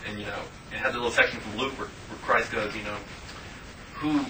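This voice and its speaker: Fast-talking man, far off in an echoey room. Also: lowish voice, little pitch movement. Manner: rambling, heavy on fillers. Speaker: discussion participant. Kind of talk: casual discussion. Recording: echoey, distant, noisy room mic.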